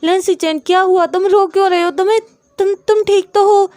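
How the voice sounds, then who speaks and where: A woman voicing a worried young man firing anxious, rushed questions in a storytelling reading. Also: extremely high pitch, steady tone, dark tone, no echo, studio quality, pitched above the performer's own voice.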